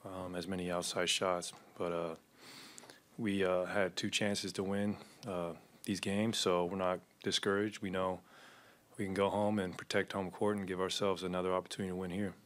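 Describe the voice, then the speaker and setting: Low flat-voiced man at a press podium. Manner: measured, low-key, frequent fillers. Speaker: basketball player. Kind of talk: postgame press conference answers. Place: arena press room. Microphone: desk microphone.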